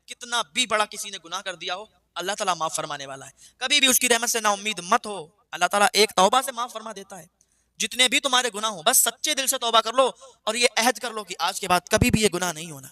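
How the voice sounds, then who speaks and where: Guy preaching a story sermon, bright high voice, dry room. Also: dry recording. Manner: emotive, repetitive phrasing.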